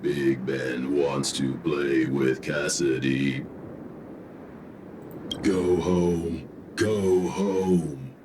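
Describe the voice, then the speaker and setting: A man's voice: a bass voice, steady tone, extremely slow, long pauses, noisy background, exaggerated voice. A man voicing a big, simple, childlike robot that talks in short, beeping robot phrases. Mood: homesick. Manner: speaks in short robotic phrases, says beep boop. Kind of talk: game voice acting.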